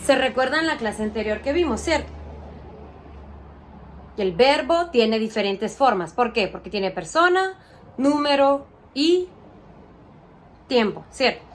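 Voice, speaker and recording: A woman teaches young children in a slow, patient way, asking questions and cheering the right answers. Her voice sits a little high. Faint background noise runs under the recording. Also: animated. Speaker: primary school teacher.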